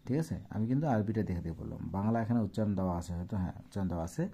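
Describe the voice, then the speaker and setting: A man with a Bangladeshi Bengali accent teaching a textbook lesson to young pupils on a phone, explaining terms slowly and checking often that they follow. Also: fairly low pitch, expressive, warm tone, slightly rough.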